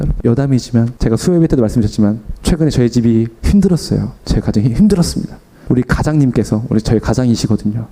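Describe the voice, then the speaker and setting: Fast-talking young male preacher, dark tone. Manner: storytelling with acted-out quotes and self-deprecating humor; animated, pitch jumps up for emphasis. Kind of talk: sermon.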